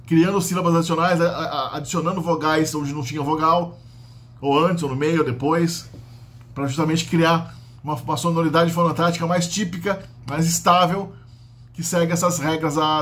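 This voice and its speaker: Brazilian man, slightly high voice, casual explanatory lecturer. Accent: Brazilian Portuguese. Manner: explanatory, frequent "né?" tags and restarts. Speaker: linguistics teacher. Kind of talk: unscripted lecture.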